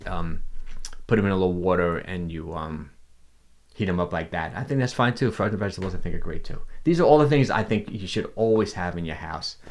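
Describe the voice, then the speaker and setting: A man's voice: low-pitched, darkish tone. A middle-aged man coaching on a casual livestream, rambling conversationally with restarts and fillers. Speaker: fitness coach. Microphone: livestream desk mic.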